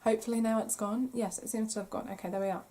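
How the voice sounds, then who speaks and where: A woman hosting a crochet podcast, chatting casually to camera with a croaky throat she keeps clearing, apologetic and self-deprecating. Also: fairly high pitch, steady tone, racing, warm tone, slight background noise. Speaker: podcast host.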